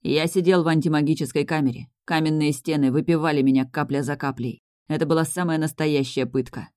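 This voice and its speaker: Woman reading a devoted, remorseful young male mage for an audiobook; low-key, mellow, dry close mic. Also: steady tone, a little fast, dry recording, lightly acted. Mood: regretful. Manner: tender, regretful.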